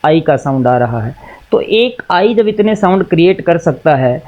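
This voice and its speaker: A man's voice: on the high side, expressive, moderate pace, darkish tone, muffled recording. A male teacher with an Indian accent explaining a lesson, asking questions and answering them himself, mixing Hindi and English. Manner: repeats and recaps patiently. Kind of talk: classroom lesson.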